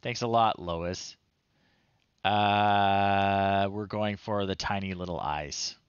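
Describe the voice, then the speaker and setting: A man in his thirties, streamer and host of a retro game show, speaks in a smooth, low-pitched voice and takes it slowly. He casually commentates a game on a live stream from a small home room, reading screen text with amused, playful asides. The recording is close, dry and slightly dull, with no echo.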